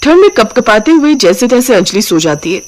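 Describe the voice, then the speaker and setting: A woman narrating a scripted cartoon moral story in an even, storytelling manner. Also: a little high, fairly quick.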